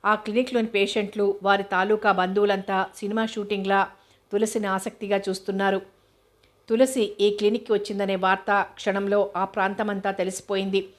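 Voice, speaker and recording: A woman narrating a novel in a steady, even way. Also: medium pitch, normal speed. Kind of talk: audiobook novel reading.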